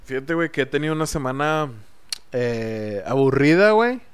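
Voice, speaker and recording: A man's voice: mid-range voice, big pitch swings, moderate pace, smooth. A young man with a Mexican accent, co-hosting a podcast with teasing, slangy banter. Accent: Mexican Spanish. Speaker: podcast co-host.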